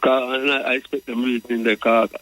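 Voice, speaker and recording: A man's voice: mid-range voice, level tone, fast, fairly bright tone, no room sound, poor audio. Jamaican Rasta man reasoning on radio. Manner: repeats and circles back over phrases. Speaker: radio call-in guest. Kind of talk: Rasta speech, reasoning about tradition.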